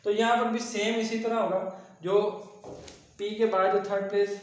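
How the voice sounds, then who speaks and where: A man's voice: sits high, level tone. Man teaching shorthand in an echoey room. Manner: slow, repetitive, spells out syllables. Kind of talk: classroom lesson explaining steps. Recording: very echoey, dull lo-fi sound, faint noise.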